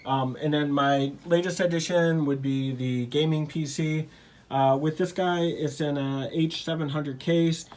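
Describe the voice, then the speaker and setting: A man casually showing off his gaming setup on a handheld camera, talking in a loose, rambling way with lots of fillers and quick apologies. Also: on the high side, steady tone, a little mellow. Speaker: gaming YouTuber and streamer. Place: home gaming room.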